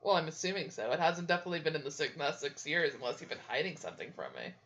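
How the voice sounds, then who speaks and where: A woman's voice: low-pitched, sing-song, racing, fairly bright tone. A young woman co-hosting a casual podcast, giggling and laughing often, on dull lo-fi audio. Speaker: podcast co-host. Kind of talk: casual chat.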